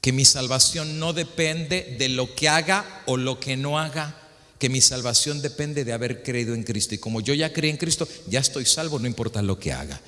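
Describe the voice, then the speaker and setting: A man voicing a remorseful middle-aged church elder who confides in a low, subdued tone. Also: moderate pace, bright, forceful tone, big-room sound, close to an everyday voice. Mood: confessing.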